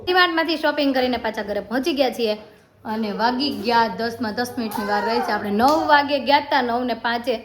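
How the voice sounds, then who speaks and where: Mom narrating home vlog on a phone, fond and talkative with the kids, slightly high voice, light background hiss. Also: female voice, a little fast. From India. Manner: chatty, affectionate, coaxing the children. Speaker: family vlogger. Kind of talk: casual family vlog narration. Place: family home.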